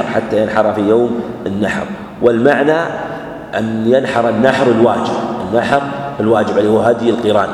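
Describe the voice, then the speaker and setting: Man, religious lesson, measured and repetitive, reverberant hall. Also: fairly low pitch, slight background noise. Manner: measured, repeats phrases for emphasis, clears throat. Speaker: Islamic scholar teaching a hadith class. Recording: echoey hall with faint ambience.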